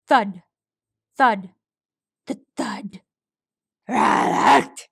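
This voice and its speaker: A woman reads a story aloud in an audiobook style, with dramatic, vivid narration. Her voice sits at an ordinary middle pitch. The sound is dry and close, with no room echo. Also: a little mellow. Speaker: audiobook reader. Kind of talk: audiobook reading of fan fiction.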